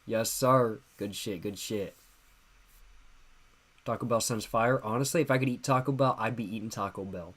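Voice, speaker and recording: This twenties-aged livestream host has a fairly low, slightly bright voice with a breathy edge, speaking at a moderate pace and pausing often. He's a bit drunk and easygoing, tossing out slangy replies to chat questions and saying things over again.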